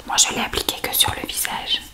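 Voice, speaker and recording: A woman whispers an ASMR product review very close, right in the listener's ear. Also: a little fast. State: ill with a cough. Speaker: beauty product review video creator.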